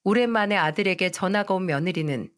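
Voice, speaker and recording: A woman narrating a first-person radio story in a calm, measured way. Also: on the low side.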